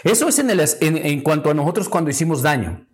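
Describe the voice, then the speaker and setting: A man's voice: on the high side, lively intonation, quick pace. A man hosting a teaching talk, addressing the listener directly and repeating key phrases. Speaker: podcast host and spiritual teacher.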